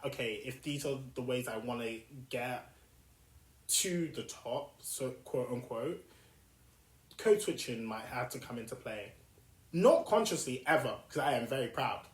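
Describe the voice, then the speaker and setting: A young South London man hosts his own reflective solo podcast, thinking aloud at a medium pitch in a South London English accent. He's thoughtful, pausing often, searching for words and restarting sentences amid frequent fillers, in an echoey room.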